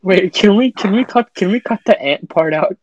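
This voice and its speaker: A man's voice: sits high, expressive, moderate pace, muffled recording, slight background noise. A young man chatting with friends, flustered and trying to explain things while being teased. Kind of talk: casual chat among friends.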